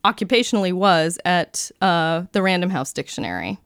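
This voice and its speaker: A woman co-hosting a casual chat about dictionaries, lively and quick with jokes and asides. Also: lowish voice, clear, resonant tone, no room sound, clean studio sound. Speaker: podcast co-host, lexicographer.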